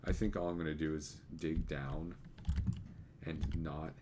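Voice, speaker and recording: Very deep-voiced man narrating his gameplay. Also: steady tone, a little slow, warm tone, slight background noise. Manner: rambling, self-correcting, thinking aloud. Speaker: let's play gamer. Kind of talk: casual gameplay commentary. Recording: keyboard clicks and typing audible. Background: computer keyboard clicking.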